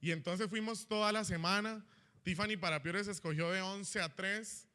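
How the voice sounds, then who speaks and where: A young man telling his personal testimony in church as an animated storyteller who keeps asking "¿verdad?". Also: high-pitched, moderate pace. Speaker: church member giving a testimony. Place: church hall.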